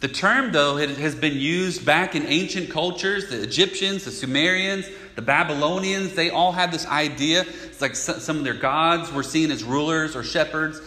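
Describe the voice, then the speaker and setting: A man's voice: fairly high pitch, normal speed, hardly any pauses, pushed and bright. A man preaching a sermon as pastor, conversational and emphatic, with casual asides. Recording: echoey hall with long reverb.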